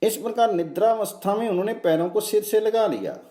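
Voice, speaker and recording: A man narrates devotional scripture in a measured, solemn recitation. His fairly high voice moves through lively, wide pitch swings on a mellow tone. The reading carries a noticeable room echo. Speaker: scripture reader.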